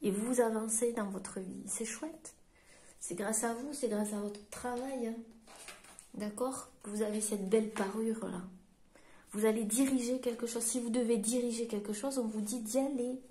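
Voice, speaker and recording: French woman giving a halting card reading. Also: fairly high pitch, fairly even intonation, warm tone, slight background noise. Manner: halting, searching for words while reading cards. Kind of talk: tarot-style guidance reading to camera.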